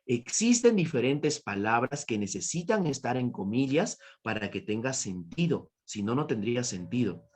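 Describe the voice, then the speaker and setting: A man's voice: medium pitch, sing-song, normal speed, hardly any pauses, a little mellow, breathy edge. A man teaching an online class with a Peruvian Spanish accent, repeating his points and asking students questions. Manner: repetitive, questioning students, praising answers.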